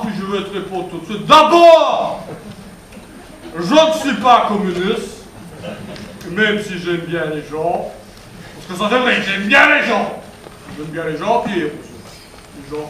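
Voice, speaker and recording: A man's voice: very high-pitched, sharp tone, slight background noise, exaggerated voice. A man playing a drunk, pompous middle-aged politician, rambling and punning on stage. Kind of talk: stand-up one-man show character. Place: theatre stage. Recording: echoey stage recording from far off.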